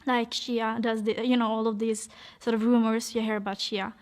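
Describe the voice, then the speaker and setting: A woman's voice: a little high, level tone, normal speed. Hesitant young woman telling her story. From Norway. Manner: hesitant, many fillers and restarts. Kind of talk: personal testimony, casual.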